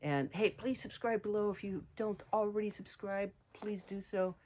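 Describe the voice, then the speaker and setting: A woman's voice: mid-range voice, normal speed, darkish tone. A middle-aged woman vlogging casually outdoors on a mountain trail, rambling with many fillers and restarts. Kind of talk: casual hiking vlog.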